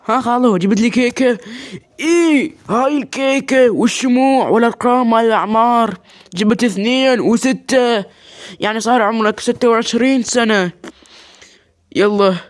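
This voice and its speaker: A man with an Iraqi Arabic accent acting out an improvised comic skit in several roles, hesitating and repeating his words. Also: very high voice. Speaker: comedy skit performer narrating game play. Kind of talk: improvised comic role-play skit, voicing several characters.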